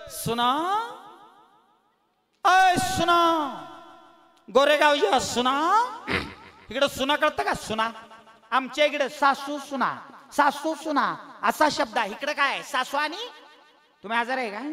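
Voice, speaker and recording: A man giving a comic folk sermon, loudly teasing the crowd and calling on them to answer back. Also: very high-pitched, lively intonation, takes it slowly, long pauses, faint music behind. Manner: loud, teasing, calls out to the audience and demands answers. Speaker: folk devotional preacher.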